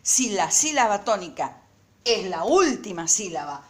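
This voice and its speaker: Slow and emphatic, a woman teacher records a lesson for her students, sounding out repeated words syllable by syllable. Her delivery is sing-song with lots of rising and falling pitch, and the space sounds echoey.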